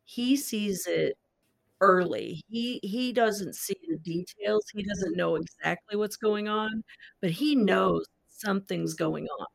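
A middle-aged woman hosting a podcast, chatting casually about a novel and chiming in with quick agreement. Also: medium pitch, vocal fry. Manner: quick agreeing interjections, laughs easily. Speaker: podcast host. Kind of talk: casual book discussion.

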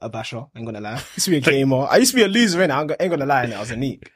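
A man's voice: mid-range voice, racing, fairly bright tone, husky, dry recording, studio quality. A young man with a London roadman accent chats casually and emphatically, using heavy street slang and telling stories to make his points. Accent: London, urban street slang. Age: young adult. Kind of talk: casual motivational chat.

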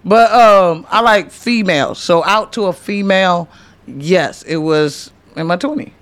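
A woman's voice: lowish voice, a little slow. A woman in her late thirties in casual podcast chat, boisterous and joking, laughing often. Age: 30s.

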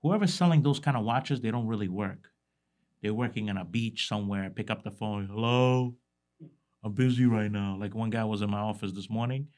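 A man's voice: on the low side, fairly quick, a little mellow. A man from Iraq, a watch dealer guest on a podcast, talking in a brash, streetwise, emphatic way. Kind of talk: casual podcast conversation.

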